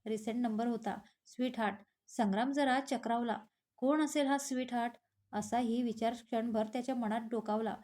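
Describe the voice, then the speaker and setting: Woman narrating a story, fairly high voice. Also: a little mellow.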